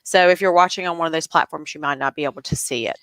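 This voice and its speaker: Woman, livestream host, crisp bright tone, casual chatty, cough drop in mouth. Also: sits low, fast talker, dry recording. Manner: chatty, troubleshooting aloud. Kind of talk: casual live interview.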